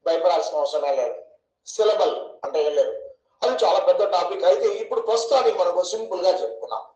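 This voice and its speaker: In an echoey room, a man teaches an online English grammar lesson, asking questions and answering them himself while stretching words out syllable by syllable. His voice sits high with a darkish tone.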